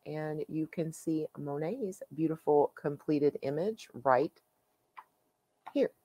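A woman hosting her own coloring channel, chatting casually and haltingly with plenty of fillers as she shows her finished pages. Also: low-pitched, dark tone, no echo. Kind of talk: casual show-and-tell.

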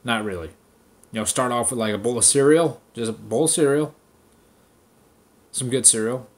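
A man in a casual vlog rant speaks straight to his viewers, stoned and relaxed. He swears in almost every sentence and drifts from one idea to the next. His voice sits at an ordinary male pitch. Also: normal speed. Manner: profane, rambling, addressing viewers directly. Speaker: vlogger.

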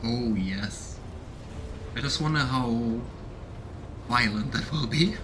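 In a mid-range voice at a slow pace, a man in his thirties chats casually through a let's play and reads the on-screen game text. The setting is a small room at home, with video game ambience making the recording noisy.

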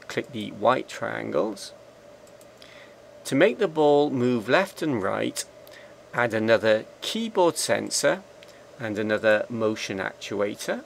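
A man narrating a software screencast tutorial, calmly giving slow step-by-step commands. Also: medium pitch, creaky, slight background noise. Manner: slow, measured, instructional commands.

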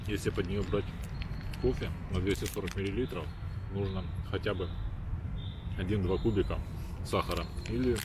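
A man reviewing a snack on his channel, chewing with his mouth full as he talks in short halting phrases, outdoors in a forest. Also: low voice, steady tone. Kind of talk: casual food review. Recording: noisy outdoor ambience.

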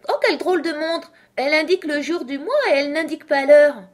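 Storybook Alice, a polite, curious little girl, voiced by a woman; high and earnest. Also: fast, close to an everyday voice.

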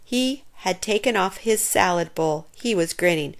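A woman reading a children's chapter book aloud in an expressive storytelling manner. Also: lowish voice, normal speed, creaky.

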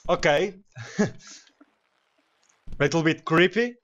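Slow-talking young Portuguese man gaming. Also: a little high, lo-fi sound. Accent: European Portuguese. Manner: excitable, swears often, laughs a lot. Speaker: gaming YouTuber. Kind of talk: let's play commentary.

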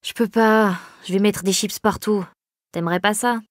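A woman's voice: mid-range voice, steady tone, normal speed, dry recording, studio quality, natural voice. A woman reading a grumbling, laid-back young man. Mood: offhand. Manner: offhand and grumbling. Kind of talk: audiobook character voice.

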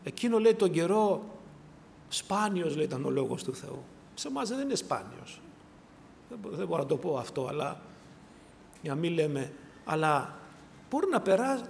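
High-voiced preacher in a reverberant hall. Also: male voice, sing-song, vocal fry, slight background noise. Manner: swings from hushed to raised, pleading voice, repeated calls to the brethren. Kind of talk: sermon.

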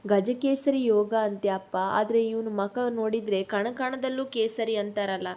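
A woman's voice: a little high, measured pace, a little mellow, lightly acted. A woman reading the lines of a blunt, mocking grown son in a retold family story. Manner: teasing, sarcastic remarks.

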